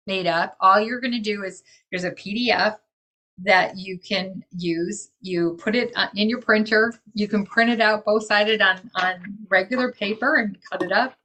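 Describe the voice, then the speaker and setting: A woman's voice: mid-range voice, sharp tone. A woman enthusiastically explaining a crypto gift card in casual talk on a video call, gushing as she goes. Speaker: crypto community organizer.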